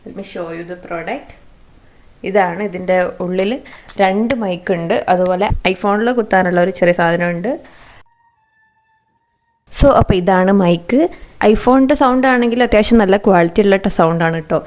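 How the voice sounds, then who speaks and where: A young woman YouTuber reviews budget video gear in a casual vlog, explaining each item step by step in a chatty way and tagging her sentences with "kettō". Her medium-pitched voice is darkish, measured and often pausing, recorded on a phone camera with a plug-in mic at times.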